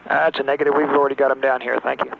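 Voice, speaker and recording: A man at mission control talking to a spacecraft crew over a narrow-band radio transmission, in clipped, halting radio procedure with many fillers. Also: mid-range voice, level tone, gravelly. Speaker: mission control capsule communicator. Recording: tinny radio link with faint hiss.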